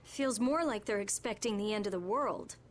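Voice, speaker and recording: A woman playing a blunt, aloof, sharp-tongued adventurer in a video game. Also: medium pitch, normal speed, lightly acted. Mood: sober.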